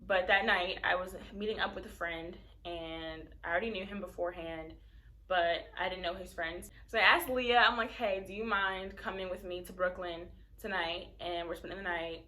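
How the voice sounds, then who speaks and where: A young American woman telling a casual storytime, animated and profane, getting loud and exasperated as she tells it. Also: lowish voice, moderate pace, low-quality recording. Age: young adult. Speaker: vlogger.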